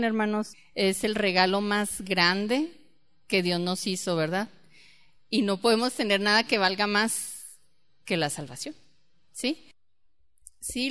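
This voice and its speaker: A woman's voice: medium pitch, a bit bright, clear, resonant tone. A woman teaching a church Bible class, often quizzing the group and repeating her key points. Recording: reverberant hall.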